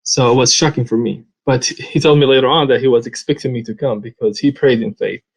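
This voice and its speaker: A man from Saudi Arabia with a Saudi Arabian accent and Arabic as his first language, giving an earnest personal testimony in an interview, pausing often with "uh". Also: medium pitch, steady tone, vocal fry, husky, poor audio. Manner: earnest, halting, with many "uh" pauses.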